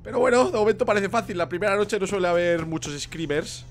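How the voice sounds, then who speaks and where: A young man from Spain with a Castilian accent playing a horror game, excitable and swearing a lot. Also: high voice, quick pace, soft background music. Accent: Castilian Spanish. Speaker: gaming youtuber. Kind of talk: horror game let's play.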